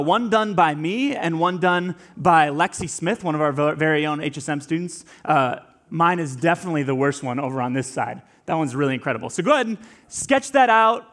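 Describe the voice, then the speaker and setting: Young male youth pastor, high bright voice, energetic and playful sermon delivery. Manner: energetic and joking. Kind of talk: sermon to teens.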